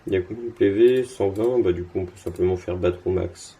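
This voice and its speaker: A man's voice: deep voice, brisk, warm tone, husky. A young man casually commenting on his card game as he plays, thinking aloud with lots of fillers and restarts, tired and yawning.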